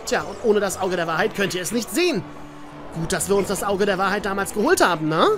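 A woman's voice: mid-range voice, expressive, fast, music in the background. A woman commenting on her own video game play in a chatty way, talking to her viewers and cursing the enemies. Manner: chatty, addresses viewers as "ihr Lieben", mild swearing at enemies. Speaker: let's player.

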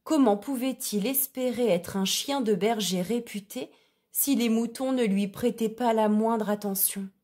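A woman reading a children's storybook aloud in a clear, expressive way. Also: fairly high pitch, unhurried.

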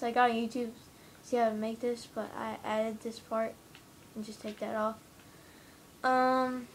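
Speaking into a handheld camera aimed at her TV in a room at home, a gamer casually tours her game build, rambling hesitantly with lots of fillers. Her voice is slightly high and flat, and a faint hiss runs beneath it.

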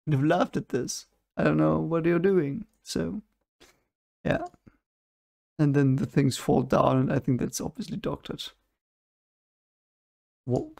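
Young man with a gravelly, skeptical voice. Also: fairly high pitch, takes it slowly, pauses often, a little mellow. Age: young adult. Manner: skeptical, dismissive, searches for words. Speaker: reaction video host. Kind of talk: casual reaction commentary. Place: home room at a desk. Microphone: desk microphone in front of him.

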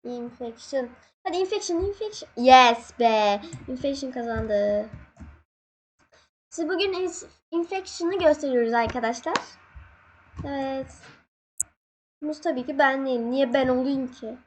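A young woman casually commenting on her gameplay, excitable, laughing and yelping when scared. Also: sits high, measured pace, long pauses. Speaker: gaming channel host.

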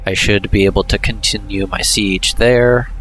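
A man giving casual let's-play commentary, thinking aloud in an unhurried way with hesitant asides. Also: fairly low pitch, steady tone, a bit bright, faint music behind. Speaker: gameplay commentator.

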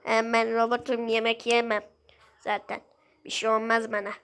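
A performer voicing a robot in a sandbox game that talks flatly and matter-of-factly. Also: medium pitch, moderate pace, clean tone, pitched below the performer's own voice, lightly acted. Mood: calm. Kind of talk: playful game voice-over.

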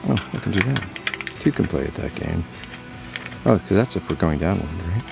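Low-voiced man chatting on a sailboat. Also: expressive, normal speed, vocal fry, music in the background. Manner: chatty, thinking aloud, muttering at the work. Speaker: sailing vlogger. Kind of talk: casual narration while working. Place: outdoors on a sailboat deck.

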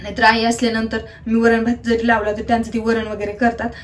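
A young woman chatting casually through a home vlog, talking softly and rambling about her day as a mother. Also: fairly high pitch, monotone, fast talker, slight background noise. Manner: chatty, soft-spoken, rambling asides. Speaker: vlogger and mother.

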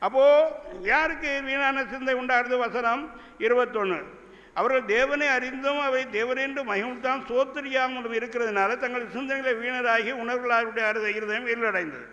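Older man preaching, high bright voice, hall reverb. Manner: teaching slowly from scripture, reading verses aloud. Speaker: pastor. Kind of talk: sermon. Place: church conference stage, indoors. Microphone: two desk microphones.

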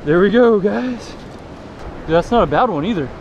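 Excitable young man on a windy beach. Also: sits high, unhurried, muffled recording. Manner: excitable, joking, talks to viewers. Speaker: fishing vlogger. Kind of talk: casual excited vlog commentary. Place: beach by the surf, outdoors. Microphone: action camera. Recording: wind and surf noise.

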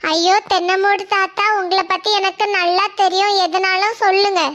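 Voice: extremely high pitch, level tone, normal speed, sharp tone, dull audio. A voice actor playing a caring village mother in a cartoon, reassuring and fussing over others.

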